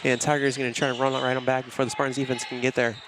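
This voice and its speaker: A man calling live basketball play-by-play in a brisk, steady way, leaning on "it's gonna be" over and over. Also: medium pitch. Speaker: play-by-play announcer. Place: school gymnasium during a game. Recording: loud gym noise with bouncing balls.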